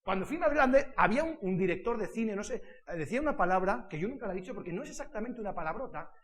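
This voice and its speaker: Spanish pastor guy preaching, quick and high, keeps asking if you're following. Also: big-room sound. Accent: Spain. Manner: animated storytelling with quick asides and laughter; asks the congregation if they follow. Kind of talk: sermon. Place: church hall.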